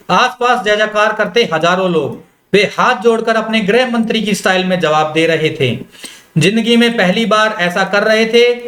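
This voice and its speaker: High-voiced male teacher, echoey room. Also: a bit bright. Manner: repeats key lines and tells students to note them; slows down when reading quoted lines. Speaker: Hindi literature teacher. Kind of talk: exam-prep lecture, reading and explaining a story.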